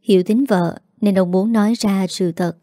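A woman narrating a family drama story in a steady scripted storytelling manner. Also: medium pitch, moderate pace, dry recording, studio quality.

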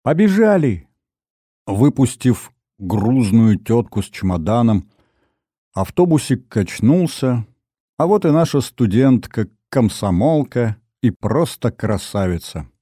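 Guy narrating an audiobook, wry and expressive, warm dark voice, dry close mic. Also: medium pitch, unhurried, husky, no room sound. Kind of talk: first-person audiobook narration.

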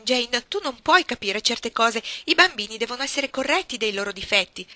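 A woman's voice: fairly high pitch, lively intonation, moderate pace, pushed and bright, pitched above the performer's own voice. A woman voicing a cold middle-aged aunt who speaks in a coaxing, condescending way.

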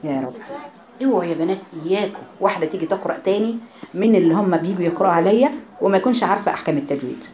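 A woman's voice: on the low side, animated, racing, dark tone, roomy sound, slight background noise. A woman teaching Quran recitation rules to a class of girls, speaking with an Egyptian Arabic accent and drawing out syllables as she drills pronunciation. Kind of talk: classroom tajweed lesson.

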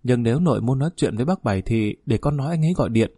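A man's voice: mid-range voice, animated, rapid-fire, mellow, slightly rough, no echo, clean studio sound. A man voicing a polite young granddaughter. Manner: polite and deferential.

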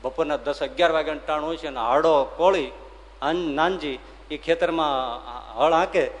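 A swami preaching a devotional story sermon, animated and acting out every character. His voice is slightly high for a man. It rings through a long hall reverb. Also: normal speed.

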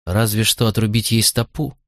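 A male narrator reads a novel in a low, steady voice with dramatic pacing. The recording is close and dry, with no room sound. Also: moderate pace, no room sound. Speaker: audiobook narrator.

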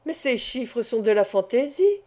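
A woman's voice: a little high, sing-song, unhurried, a little mellow. A woman voicing an accused man in an audiobook, protesting his innocence with growing desperation. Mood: indignant. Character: accused male clerk, indignant and desperate.

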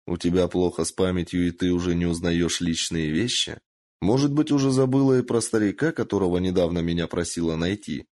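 A man's voice: low voice, brisk, a little mellow, close to an everyday voice. A man voicing a scheming guard captain in an audiobook, mocking and menacing.

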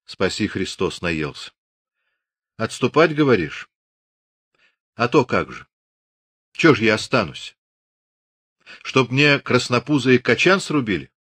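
A man's voice: medium pitch, very animated, slow pace, long pauses, fairly bright tone, husky, no echo, pitched above the performer's own voice, full character voice. A man voicing a young Cossack officer who speaks bluntly and resolutely. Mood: grim resolve.

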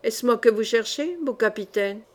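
A woman voicing a pale, timid young woman who speaks softly with a slight tremble, read in an audiobook. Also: fairly high pitch, normal speed, close to an everyday voice. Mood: coaxing.

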